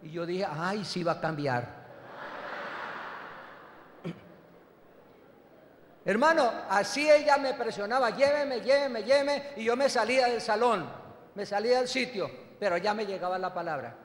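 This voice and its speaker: A man's voice: high-pitched, expressive, measured pace. An older man, telling his conversion testimony in an emphatic sermon and calling listeners brother. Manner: emphatic storytelling, calls listeners "hermano". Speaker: apostle and pastor. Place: church hall. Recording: echoey church hall with long reverb.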